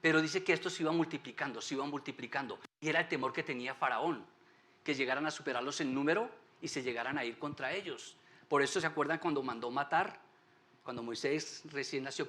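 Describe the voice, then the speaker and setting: Pastor con preguntas retóricas. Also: male voice, fairly high pitch, fairly bright tone. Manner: asks the class rhetorical questions. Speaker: Sunday school teacher. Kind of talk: church Bible teaching. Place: church meeting room.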